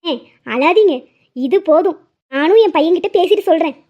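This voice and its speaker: Warm and animated, a woman's very high voice moves at normal speed as she plays a kind, affluent middle-aged mother in a cartoon. The performance is earnest and reassuring, recorded in dull lo-fi sound.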